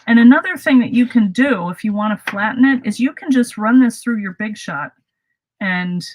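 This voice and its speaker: A woman's voice: a little high, expressive, moderate pace, a little mellow, poor audio. A middle-aged woman hosting a casual live craft demonstration, chatty and self-deprecating, laughing at her own slips. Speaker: craft host.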